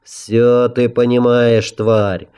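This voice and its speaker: Man voicing a smiling, quietly menacing emperor. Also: mid-range voice, level tone, very slow, clear, resonant tone. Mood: silky menace. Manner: friendly on the surface, menacing.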